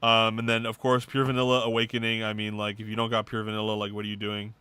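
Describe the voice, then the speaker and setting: A man co-hosting a podcast, rattling off game news in casual, swearing slang with excitement. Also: fairly low pitch, fast, clear, resonant tone, no room sound. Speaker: podcast co-host. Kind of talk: casual chat.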